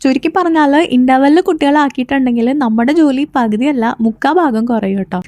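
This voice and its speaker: A woman vlogger and young mother narrating her day in a chatty voice-over, often tagging a soft "tto" onto her sentences. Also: high-pitched, quick pace, no echo.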